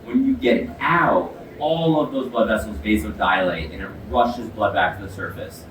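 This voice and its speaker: A man's voice: on the low side, normal speed. Earnest guy doing an expert demo talk, kinda far from the mic, noisy behind him. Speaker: ice bath expert and product demonstrator with sports medicine background. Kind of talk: explanatory product demo talk. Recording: echoey, distant mic, noisy background.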